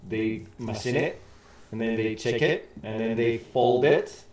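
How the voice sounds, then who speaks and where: A man's voice: mid-range voice, unhurried, darkish tone. Man, talk-show co-host, voice like it's through a tube, heavy echo, distant from the mic, chatty explainer. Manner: chatty and explanatory, with frequent restarts. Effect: hollow, boxed-in sound as if talking through a tube. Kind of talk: casual talk show chat.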